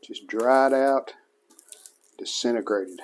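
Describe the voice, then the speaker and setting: A hobbyist restorer narrates a repair hands-on and casually, thinking aloud as he works. He is plain-spoken and unhurried, with a medium-pitched voice.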